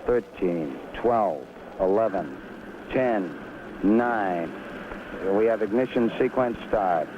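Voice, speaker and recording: A man announces from launch control at a slow pace and middling pitch. The archive countdown recording sounds thin and phone-like, with clear background noise. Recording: very muffled, noisy 1960s archive broadcast.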